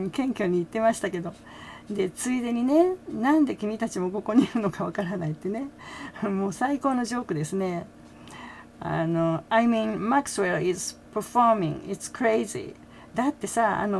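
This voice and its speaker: A middle-aged woman talking casually about a concert, full of fillers and soft laughs. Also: medium pitch, a little hiss or hum. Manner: chatty, many fillers, frequent soft laughs. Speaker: fan reaction vlogger. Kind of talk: casual commentary.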